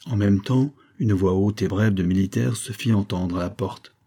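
A man's voice: fairly low pitch, normal speed, warm tone. A man narrating a historical story in French as an audiobook reader, reading steadily.

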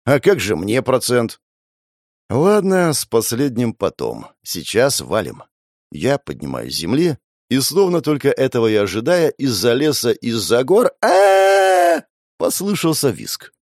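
A man's voice: mid-range voice, very animated, unhurried, darkish tone, no room sound, clean studio sound. A man narrating a first-person fantasy audiobook in a sardonic, crude, wry way.

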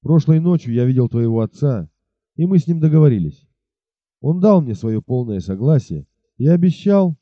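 A man voicing a jealous, threatening village woodsman in an audiobook, low and forceful. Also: very animated, normal speed, dry recording, highs cut off, lightly acted. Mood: pleading. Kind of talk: audiobook character voice.

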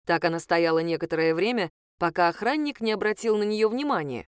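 A woman narrating an audiobook in an expressive storytelling manner. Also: lowish voice, a little fast, smooth, no echo, clean studio sound. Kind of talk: scripted narration.

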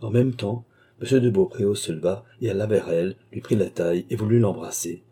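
A man narrating a classic novel as an audiobook, in a measured, dramatic reading. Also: fairly low pitch, dark tone, husky.

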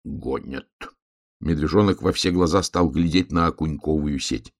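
Deep-voiced man reading a children's tale. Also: fairly even intonation, normal speed. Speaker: storyteller.

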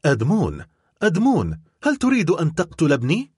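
A man's voice: mid-range voice, wildly swooping pitch, a little fast, breathy edge, no echo, clean studio sound. A man voicing a grieving, desperate middle-aged noblewoman who pleads and cries out in an audiobook reading. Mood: despairing plea.

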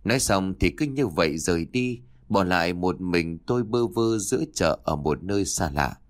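A man narrating a first-person spooky story in a measured, expressive way. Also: sits low, dry recording.

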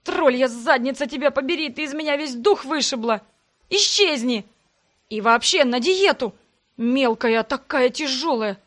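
A teasing, grumbling young man trading jabs with his sister in an audiobook, voiced by a woman reader. He mocks and complains in a fairly high voice. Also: lively intonation, unhurried, fairly bright tone, full character voice. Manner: mocking, grumbling banter. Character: cocky teasing young man, heroine's brother.

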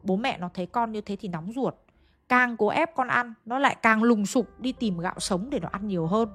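A woman's voice: fairly high pitch, normal speed, a bit bright, faint music behind. A woman narrating a ghost story in a chatty way, speaking straight to her listeners. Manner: chatty, addresses listeners directly.

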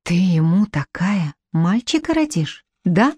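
A woman's voice: on the low side, very animated, takes it slowly, a little mellow, breathy edge, no echo, heavily acted. A woman reading the part of a betrayed pregnant wife in an audiobook, furious and desperate. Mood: anguished.

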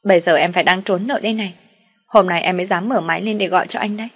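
A woman voicing a desperate young woman in debt, pleading tearfully in a raised, shrill voice. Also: very fast, fairly bright tone, soft background music.

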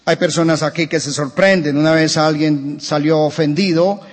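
A Colombian-accented male pastor preaching in an animated way, mixing humor and anecdotes into his sermon. His voice sits a little higher than most men's. The sound rings with the long reverb of a church hall. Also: normal speed. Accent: Colombian Spanish.

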